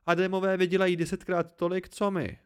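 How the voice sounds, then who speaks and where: A man's voice: high voice, level tone, clear, resonant tone, voice pushed up, close to an everyday voice. A man reading the lines of a blunt, practical woman mercenary in an audiobook, doubtful and questioning.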